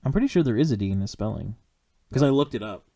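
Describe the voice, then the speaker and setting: A man's voice: lowish voice, lively intonation, quick pace, gravelly, warm tone. Guy on a podcast going on about a movie, swears a lot, tons of likes and ums, voice bounces up and down. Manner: rambling, swearing, many fillers and restarts. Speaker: podcast host. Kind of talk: casual film discussion.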